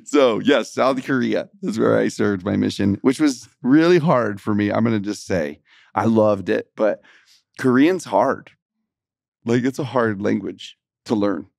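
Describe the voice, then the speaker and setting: A man from Texas with a gravelly, creaky edge to his voice, hosting a faith podcast in a lively, joking way. He laughs often between stories, and the sound is close and dry with no room around it. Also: fairly low pitch, a little slow, dry recording. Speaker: podcast co-host. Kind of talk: casual gospel podcast chat.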